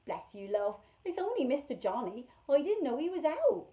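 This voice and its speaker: A woman's voice: sits high, sing-song, normal speed, mellow, pitched above the performer's own voice. A woman reading aloud and voicing a kindly, motherly farmhouse woman who speaks soothingly. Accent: throaty non-Welsh.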